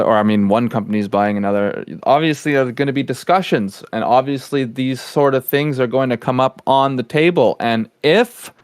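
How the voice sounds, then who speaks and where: Male co-host, earnest explainer, smooth resonant voice, dry recording. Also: medium pitch, dry recording. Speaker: podcast co-host. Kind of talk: casual podcast chat.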